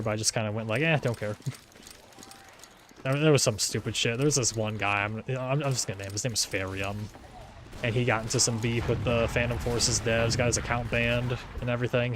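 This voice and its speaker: A man's voice: lowish voice, background noise. A man in his twenties chatting casually during an online game, rambling with lots of "like"s and restarts and chuckling often. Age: 20s. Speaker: gaming YouTuber. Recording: game gunfire behind the voice. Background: game gunfire and explosions.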